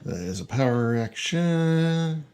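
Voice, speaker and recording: A man playing a tabletop miniatures game, talking through his turn in a measured, dry way. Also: fairly high pitch, lively intonation, a little mellow. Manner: measured, dry, counts moves out step by step. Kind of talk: casual game-table chat.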